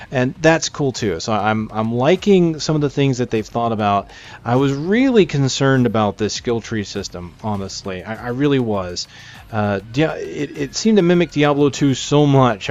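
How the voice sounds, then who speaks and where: A man presents a game preview with rambling, unscripted commentary, thinking aloud as game music runs behind him. His medium-pitched voice is a little mellow, and the audio sounds dull.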